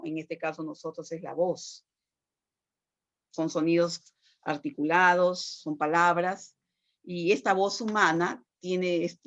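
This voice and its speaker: A woman's voice: lowish voice, dull audio. Woman lecturing, with many "¿no?" tag questions. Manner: explanatory, with frequent "¿no?" tag questions and "este" fillers. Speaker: teacher. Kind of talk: recorded class lecture.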